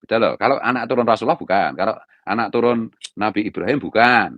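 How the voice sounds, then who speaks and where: A middle-aged man giving an impassioned religious monologue, speaking in a loud, emphatic, high-pitched tone. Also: fast talker, no echo, muffled recording. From Indonesia. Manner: loud, emphatic raised intonation. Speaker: religious commentator.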